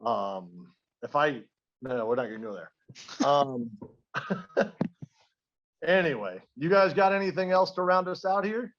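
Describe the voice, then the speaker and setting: A man's voice: fairly high pitch, lively intonation, unhurried, long pauses, highs cut off. A man hosting a casual podcast, rambling and self-deprecating as he tells a joke. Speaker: podcast host.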